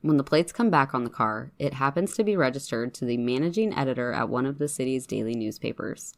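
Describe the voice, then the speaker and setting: A woman's voice: rumbling low, lively intonation, fairly quick. A woman hosting a true crime podcast, telling the case in a chatty, profane way with sarcastic asides. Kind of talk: casual true crime storytelling.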